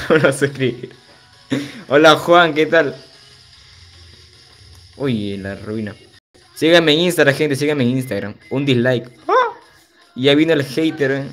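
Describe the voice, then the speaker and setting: Chatting with his stream viewers during a game, a young man keeps things loose and slangy, reading chat aloud and laughing often. His mid-range, slightly bright voice moves at a measured pace with long pauses, and faint music sits behind it.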